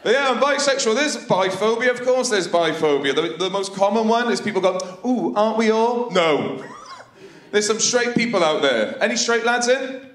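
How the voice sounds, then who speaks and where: A man's voice: high voice, animated, normal speed, fairly bright tone. A man in his thirties with a Welsh Valleys accent, performing a cheeky, sweary stand-up routine with punchy delivery into a handheld microphone. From Wales, the Valleys. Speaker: stand-up comedian. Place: large theatre stage, indoors. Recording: echoey theatre stage sound.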